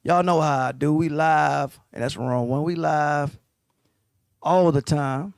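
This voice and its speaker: A man hosting a radio show in casual interview chat, loud and joking. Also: a little high, unhurried, creaky, clear, resonant tone, dry recording, clean studio sound. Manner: loud, joking, Southern US slang.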